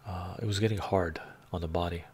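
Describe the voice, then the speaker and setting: Speaking into a lapel mic from a bookshelf-lined room at home, this middle-aged man, a native Romanian speaker, reads comments and chats loosely on a live stream. His low, darkish voice holds a steady tone and moves a little fast, with slight background noise. He wanders from point to point and keeps adding "right?"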